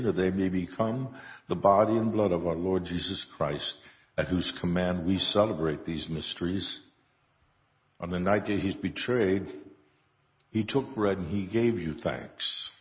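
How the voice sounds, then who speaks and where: A man presiding as priest, reciting the liturgy solemnly in a church with a cathedral echo. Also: low voice. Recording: cathedral-like echo, long reverb, muffled sound.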